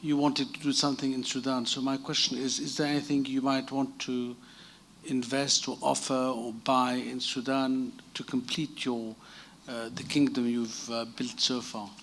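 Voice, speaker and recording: A man of medium pitch asks the speaker a polite question from the audience, his words slightly halting. A faint wash of room ambience sits behind him. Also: level tone, fairly bright tone, a little hiss or hum. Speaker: audience member asking a question.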